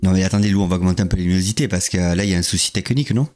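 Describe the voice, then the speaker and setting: A man live-streaming a horror game, chatting with viewers in a jokey, lively way and greeting them one by one. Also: deep voice, rapid-fire, soft background music.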